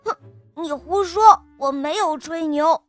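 A woman's voice: sits high, slow, fairly bright tone, soft background music. A woman voicing a small, stubborn boy hedgehog who answers back in a huffy, indignant way.

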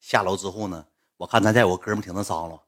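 A young man with a Northeastern Chinese accent telling a comic story in lively, chatty dialect. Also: low voice, rapid-fire.

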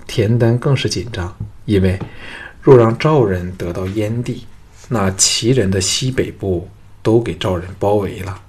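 Audiobook role: coquettish young woman, playful and teasing, read by a man in a low, husky voice. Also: measured pace, darkish tone.

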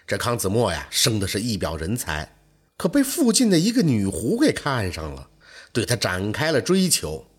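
A middle-aged man narrating a folk tale in an animated, colloquial storyteller's way. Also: mid-range voice, husky.

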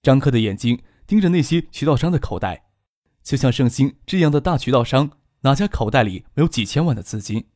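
Steady male audiobook narrator, dry sound. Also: mid-range voice, no echo. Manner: steady, unhurried storytelling.

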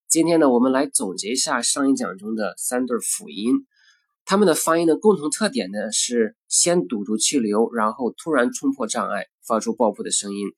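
A man teaching pronunciation in a recorded lesson, speaking deliberately and repeating example words slowly and carefully. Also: mid-range voice, breathy edge.

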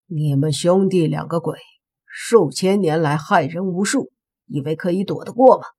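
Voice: medium pitch, lively intonation, takes it slowly, gravelly, breathy edge, full character voice. A narrator reading the lines of a ruthless young male zombie king in an audiobook, cold and cutting. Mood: scornful.

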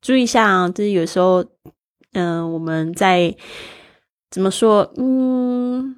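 A woman explains English words in Mandarin in an easy, chatty way. She spells each word slowly and stops to point out where the stress falls. Her pitch sits in the middle of the usual range. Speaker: English teacher. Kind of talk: bilingual vocabulary lesson.

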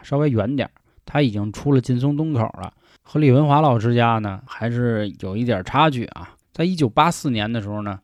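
A man's voice: mid-range voice, darkish tone, dry recording. A man telling a ghost story in a casual, chatty way, often turning to listeners with folksy asides.

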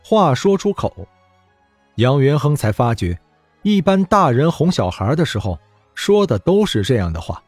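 A man reads a fantasy novel aloud with expressive, animated storytelling. His mid-pitched voice sounds dry and close to the mic, with soft music underneath. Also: breathy edge, dry recording. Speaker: audiobook narrator. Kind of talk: web novel audiobook narration.

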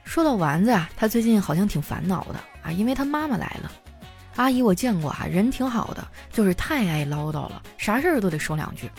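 A young woman comedian telling funny anecdotes in a chatty, animated stand-up style. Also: medium pitch, fairly quick, faint music behind. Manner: animated storytelling, chatty filler particles.

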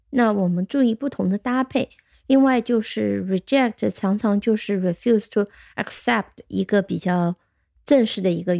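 A woman's voice: medium pitch, vocal fry, dark tone. A woman teaching English vocabulary, patiently explaining words and spelling them out letter by letter. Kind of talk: vocabulary lesson.

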